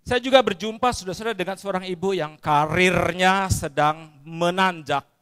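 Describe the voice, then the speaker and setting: A male pastor preaching in a high voice at a church service. He speaks emphatically, repeats his phrases and keeps turning to address the congregation. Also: moderate pace, a bit bright, clean tone. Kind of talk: sermon.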